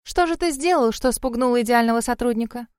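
Женщина озвучивает игривую семихвостую лисицу-духа из аудиокниги, которая дразнит и смеётся. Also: female voice, fairly high pitch, fairly quick, clear, resonant tone, dry recording, clean studio sound, pitched above the performer's own voice, close to an everyday voice. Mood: teasing. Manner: teasing, laughing, mocking. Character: playful seven-tailed female fox spirit. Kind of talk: audiobook reading.

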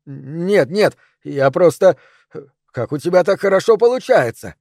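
A man's voice: high-pitched, lively intonation, a little slow, creaky, dry recording, studio quality, pitched above the performer's own voice, heavily acted. A man doing a jittery dim-witted thug. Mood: spooked. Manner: nervous, raised and loud. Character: jittery, dim-witted young male gang member.

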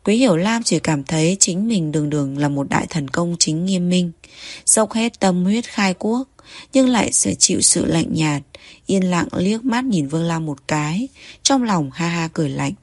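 A woman narrating a novel in a steady, measured reading voice. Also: fairly low pitch, no echo, clean studio sound. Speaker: audiobook narrator.

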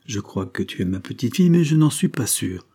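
A man's voice: lowish voice, very animated, a little fast, gravelly, warm tone, breathy edge, heavily acted. A man reading aloud and voicing a frail, asthmatic old grandmother who speaks with earnest effort.

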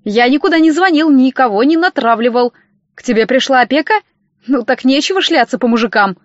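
A woman voicing a smug, self-righteous estranged husband, speaking loudly and indignantly, on a dull, dry recording. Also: a little high, expressive, a little fast, dry recording, natural voice. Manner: indignant, loud and sanctimonious.

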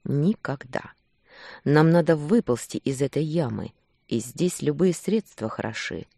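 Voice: mid-range voice, expressive, measured pace, creaky, dark tone, no room sound, clean studio sound. An audiobook reader narrating a first-person romance with intense, emotional delivery.

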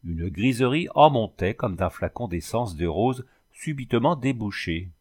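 A low-voiced man reading a story. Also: husky. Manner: even, measured storytelling. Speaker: audiobook reader. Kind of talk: scripted narration.

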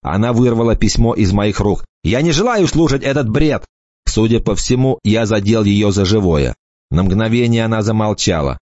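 A man narrating an audiobook in a measured first-person storytelling manner. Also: lowish voice, mellow, no room sound. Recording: dull dry studio recording.

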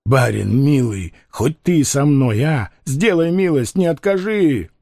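A man voicing a frantic, doomed male robber in an audiobook, wailing and pleading in a rough voice. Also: medium pitch, expressive, slow, darkish tone, no echo, studio quality.

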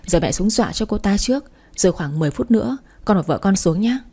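A woman's voice: medium pitch, lively intonation, fast, dark tone, husky. Woman reading as a stern scheming mother-in-law. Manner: lecturing, warning tone.

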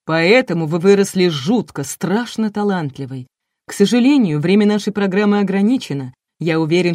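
A woman voicing a smarmy, gushing male TV host in an audiobook, with a syrupy flattering manner. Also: lowish voice, dry recording, studio quality. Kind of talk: audiobook reading.

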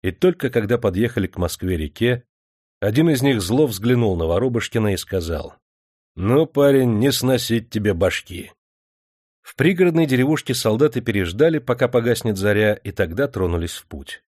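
A man reading a historical novel aloud in steady audiobook narration. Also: lowish voice, brisk, no echo, studio quality.

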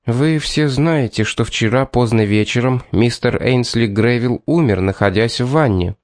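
A man voicing a composed, firm lady of the house who speaks in a measured way. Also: medium pitch, darkish tone, no echo, clean studio sound, lightly acted. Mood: grave.

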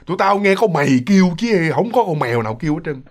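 A woman's voice: lowish voice, big pitch swings, fast talker. Guy doing a sleepy cranky girl roommate, whiny and scolding. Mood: annoyed. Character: sleepy, irritated young woman roommate.

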